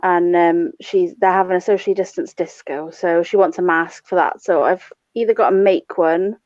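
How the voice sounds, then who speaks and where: A woman's voice: lowish voice, fairly even intonation, normal speed, a little mellow, dry recording. Rambling woman in a dull, dry recording. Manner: rambling, laughs easily. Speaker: mother in chat. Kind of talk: casual group chat.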